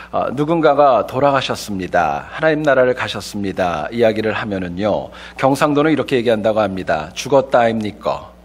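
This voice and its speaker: A man preaching a Sunday sermon as pastor, telling light humorous stories in a lively way before turning to the scripture. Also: lowish voice. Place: church sanctuary.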